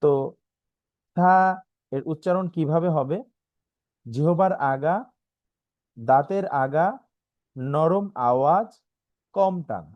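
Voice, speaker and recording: A man teaching a free online class, recapping lessons and slowly drilling letter sounds one by one, often asking the class to check along. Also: on the high side, expressive, dry recording, highs cut off. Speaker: Quran language teacher.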